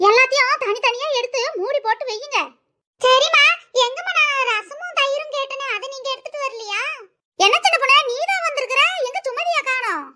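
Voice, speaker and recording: Nosy, teasing village women from a comedy cartoon, all done by a woman. They scold and tease in a very high, squeaky voice with a bright, sharp tone. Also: fairly quick. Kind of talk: animated comedy dialogue.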